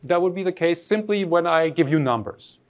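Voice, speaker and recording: A man's voice: a little high, expressive, fairly quick. A man from Austria giving an academic lecture, reflective and posing rhetorical questions to his audience.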